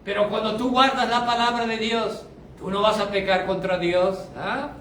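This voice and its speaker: High-voiced man preaching in an echoey hall. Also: steady tone, moderate pace, a little hiss or hum. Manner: emphatic preaching with sharp swings from loud to low. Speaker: pastor. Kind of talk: sermon. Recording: echoey hall, mic at a distance.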